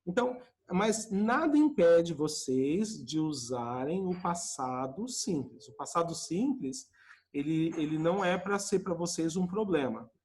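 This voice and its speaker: A man with a high voice and a Brazilian Portuguese accent teaches English in a live online lesson. He explains grammar with quick acted-out example exchanges. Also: lively intonation, darkish tone.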